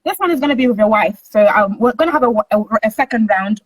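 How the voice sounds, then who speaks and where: A woman with a high voice hosts a relaxed online interview. She keeps it upbeat, laughs often and coaxes her audience to chime in. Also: fast, breathy edge, low-quality recording. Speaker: host.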